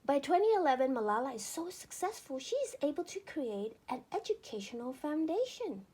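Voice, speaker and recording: Reading from a children's book, a high-pitched woman tells the story in an expressive, deliberate way, leaning on emphatic phrasing.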